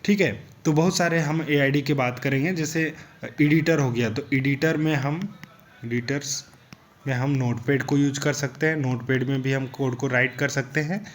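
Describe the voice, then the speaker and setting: A man's voice: mid-range voice, steady tone, normal speed, a little hiss or hum. A young man explaining programming basics in a casual tutorial, looping back often with "thik hai" and "guys". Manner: repetitive, loose, filler "thik hai" and "guys".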